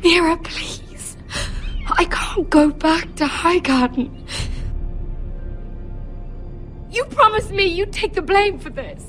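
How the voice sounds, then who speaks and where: An actress playing a desperate, emotional young handmaiden in a dramatic video game. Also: female voice, lively intonation, unhurried, a bit bright, faint music behind, heavily acted. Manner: pleading, highly emotional.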